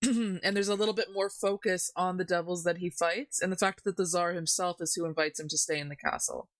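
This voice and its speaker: A Canadian livestream host with a low, steady voice chats a little fast about folk tales, jokey, giggly and rambling. There's no echo on the recording.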